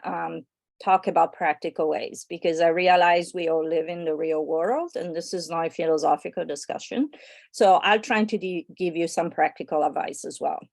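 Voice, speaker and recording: A woman's voice: lowish voice, gravelly, darkish tone, no room sound. A woman from Italy with an Italian accent, giving an enthusiastic online presentation over a video call and chatting her way through it with fillers. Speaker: guest speaker.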